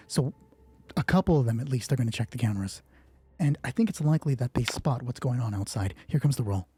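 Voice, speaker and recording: A man with a husky, mid-range, dark-toned voice narrates a solo tabletop game as its game master. He deliberates out loud, posing questions to himself and then answering them.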